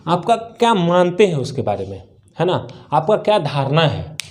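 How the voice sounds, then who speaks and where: Indian accent वाला एक पुरुष अंग्रेज़ी शिक्षक, जो हिंदी में अंग्रेज़ी पढ़ाता है, बार-बार सवाल पूछकर ख़ुद जवाब देता है और मुख्य शब्द दोहराता है।. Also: male voice, a little high, very animated, normal speed. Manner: asks questions and answers them himself, repeats key words. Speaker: English teacher. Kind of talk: spoken English lesson in Hindi.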